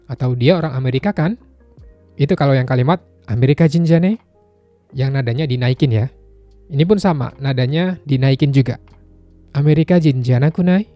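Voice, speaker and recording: A man's voice: fairly high pitch, mellow, no room sound. A man teaching a language lesson, explaining points patiently and going over them again in casual, spoken phrasing.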